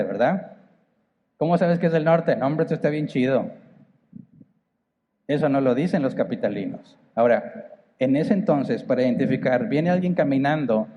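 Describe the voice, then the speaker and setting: A man's voice: medium pitch, dark tone, big-room sound, highs cut off. A man with a northern Mexican accent preaching a sermon as pastor, conversational, asking the congregation rhetorical questions. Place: church hall.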